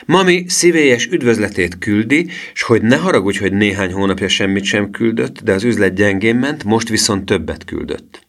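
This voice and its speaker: A man's voice: on the low side, expressive, vocal fry, hardly any pauses. A man voicing an eager, polite young boy in a storybook reading, talking earnestly and courteously.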